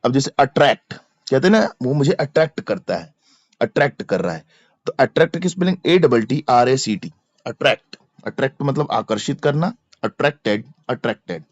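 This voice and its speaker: Speaking at a moderate pace in an animated, mid-range voice, a male teacher with a Hindi accent runs through exam grammar, spelling each word out and repeating verb forms. The slightly dull lo-fi recording is dry, with no room sound.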